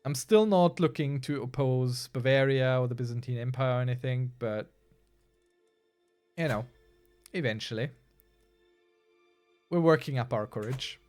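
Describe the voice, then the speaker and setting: A man's voice: mid-range voice, measured pace, long pauses, a little mellow, soft background music. A man casually commenting as he plays a strategy game, chatty and wry, answering his chat as he goes. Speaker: streamer playing a strategy game.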